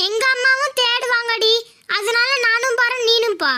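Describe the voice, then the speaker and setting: A woman's voice: very high voice, steady tone, moderate pace, noisy background, voice pushed down. A woman voicing a friendly little girl playmate in a cartoon, sounding chatty and agreeable. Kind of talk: cartoon voice acting.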